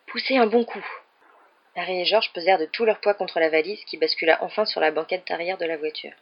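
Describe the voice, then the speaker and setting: Steady audiobook storyteller, muffled audio. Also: mid-range voice, fast. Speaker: audiobook reader. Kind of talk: scripted narration.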